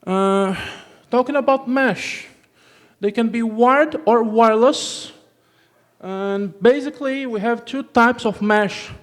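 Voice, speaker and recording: Presenting a technical talk at a conference, a high-voiced man with a Brazilian Portuguese accent speaks slowly. He frequently stops mid-word, starts over, and ends sentences with "okay", all under the long reverb of the hall.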